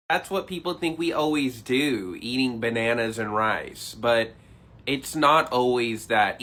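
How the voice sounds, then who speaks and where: A man delivering a rambling, deadpan parody monologue. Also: medium pitch. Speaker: comedy sketch creator.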